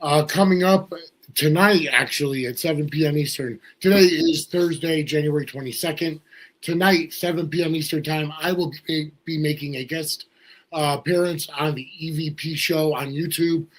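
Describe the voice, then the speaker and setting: A man's voice: fairly high pitch, fairly even intonation, moderate pace, low-quality recording. A man from the US Northeast hosting a casual talk show, his voice not quite at full strength. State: voice slightly off, not fully recovered. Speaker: podcast host.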